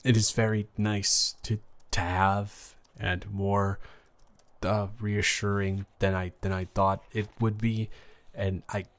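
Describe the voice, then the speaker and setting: In a romantic audio role-play, a male performer voices an anxious, shy new boy at school, an outcast, in a slightly low, level voice at a slow pace. Nervous and awkward, he stutters, restarts and hedges, recorded close to the mic.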